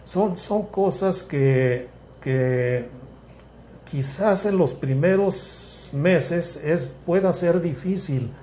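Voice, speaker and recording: A man, a psychiatrist guest explaining things in a measured, step-by-step way with frequent restarts. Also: on the high side, warm tone, slight background noise. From Mexico. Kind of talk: explanatory interview talk.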